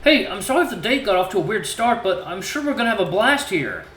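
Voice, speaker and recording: A man plays a stammering young suitor in a romantic comedy story. He is awkward and flustered yet reassuring, in a bright, raised voice with lively swings. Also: high-pitched, quick pace, reverberant, voice pushed up, rough recording. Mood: overly reassuring.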